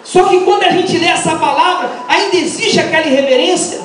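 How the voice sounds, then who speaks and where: A middle-aged woman with a Brazilian accent preaching an impassioned Pentecostal sermon, firing rhetorical questions and breaking into shouts. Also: very high-pitched, a little fast, slight background noise. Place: large church hall. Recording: echoey church hall, mic far off.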